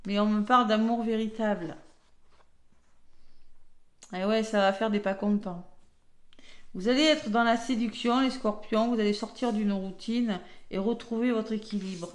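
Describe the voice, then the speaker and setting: A woman's voice: mid-range voice, steady tone, moderate pace, long pauses, reverberant. A woman with a French accent giving a chatty weekly tarot reading, full of fillers and tag words. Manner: chatty, filler-heavy, frequent "hein". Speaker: tarot reader.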